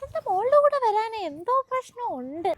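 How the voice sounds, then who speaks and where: A woman's voice: extremely high pitch, big pitch swings, brisk. A woman playing a gossipy, blunt old neighbour woman in a home-made comedy skit. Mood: nosy. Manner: nosy, loud, blunt. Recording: noisy home recording.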